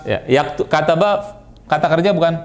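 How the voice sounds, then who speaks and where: A man with a somewhat high voice and an Indonesian accent teaches an Arabic grammar class. He keeps asking his students quick questions, then repeats and explains their answers. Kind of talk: classroom lesson.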